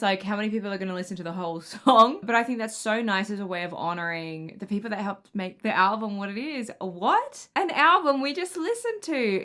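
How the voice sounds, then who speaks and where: A young woman with an English accent hosting a casual music reaction video, chatty and excitable, laughing often. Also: medium pitch. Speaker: music reaction channel host.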